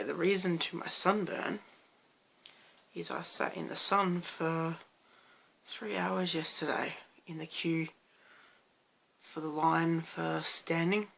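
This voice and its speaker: A young Australian man with a hoarse, croaky voice, chatting loosely in a late-night vlog and rambling through restarts. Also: a little high, sharp tone, a little hiss or hum. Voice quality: gravelly fry. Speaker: vlogger.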